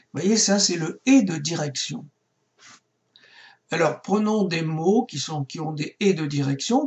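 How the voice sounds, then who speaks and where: Slow, patient man teaching Hebrew grammar. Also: a little high, a little mellow. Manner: slow, patient, spelling out words. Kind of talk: recorded lesson.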